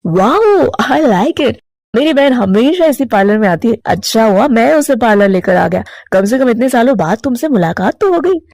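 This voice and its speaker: A woman putting on a boastful young male crow from a cartoon, talking in a gravelly, fairly high voice. The sound is dry and close, with no room around it. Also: animated, moderate pace, darkish tone, no room sound.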